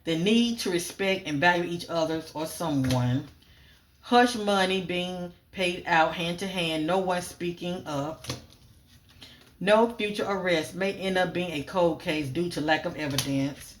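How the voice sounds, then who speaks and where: Psychic reader host, mid pitch, casual monologue of choppy keyword cues, repeats and rereads often. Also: measured pace, a little hiss or hum. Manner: lists clipped fragment cues, often "I'm getting"; casual, repeats phrases, frequent "um" fillers. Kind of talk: solo psychic reading, spoken monologue.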